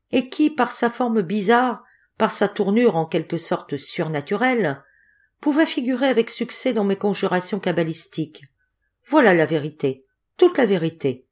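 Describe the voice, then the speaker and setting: A woman reading an audiobook, voicing a solemn female fortune-teller who speaks gravely and counts out cards slowly. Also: medium pitch, expressive, a little mellow, close to an everyday voice. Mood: pleading.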